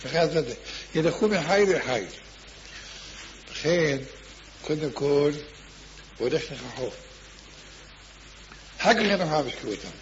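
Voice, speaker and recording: A man's voice: fairly high pitch, expressive, long pauses, slight background noise. A man preaching and telling a devout story, repeating himself and restarting phrases, in a slightly muffled recording. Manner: repetitive, with frequent restarts. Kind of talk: sermon storytelling.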